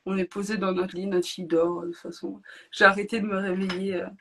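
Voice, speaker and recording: A woman's voice: mid-range voice, quick pace. Woman telling a personal story, laughing. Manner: lively, laughs often between phrases. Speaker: podcast guest.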